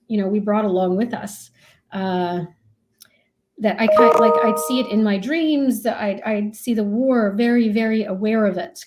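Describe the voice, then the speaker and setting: An Iraqi woman, an author and professor, is a guest in an interview, her mid-range voice a little mellow. She answers thoughtfully and reflectively, in a conversational way.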